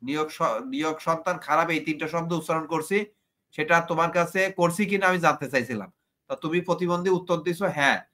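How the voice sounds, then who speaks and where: A man's voice: a little high, pushed and bright. A man hosting a heated live debate, repeating himself and taunting his opponent. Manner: repetitive, taunting, insulting. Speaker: live stream host.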